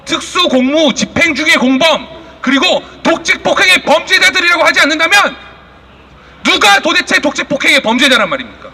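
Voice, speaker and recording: A man's voice: extremely high pitch, big pitch swings, a little fast. A man giving a fiery, indignant protest speech as the moderator of a rally, accusing and throwing out rhetorical questions. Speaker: rally speaker and press conference moderator. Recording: loud public address with long reverb.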